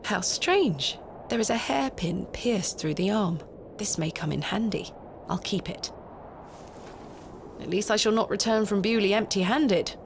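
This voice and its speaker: A woman's voice: mid-range voice, animated, normal speed, background noise, lightly acted. A woman voicing a wry, independent, curious lady antiquarian in a video game, articulate and self-possessed. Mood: curious, musing. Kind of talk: video game protagonist monologue.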